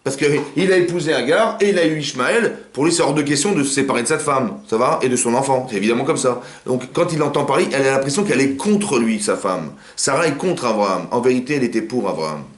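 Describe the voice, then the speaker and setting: The recording, made in a home living room, has a roomy sound as a medium-pitched rabbi teaches a casual Torah class. Speaking fast and with animation, he keeps throwing rhetorical questions at his audience.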